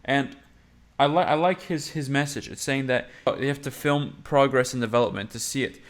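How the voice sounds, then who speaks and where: A man talks casually about singing technique as a voice coach. His pitch sits mid-range, and he rambles along with frequent "uh" and "like". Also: normal speed. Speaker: voice teacher reacting to a video. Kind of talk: casual commentary.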